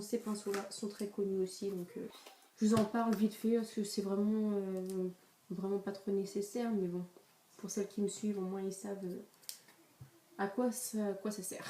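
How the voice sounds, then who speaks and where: A young woman rambles through a makeup haul in a soft, mellow voice, pausing on fillers and restarting sentences. Her pitch stays flat and even, and she sits a little back from the camera mic in an echoey room with faint hiss. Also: distant mic. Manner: chatty, hesitant, many fillers and restarts. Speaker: beauty vlogger. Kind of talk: casual makeup haul review.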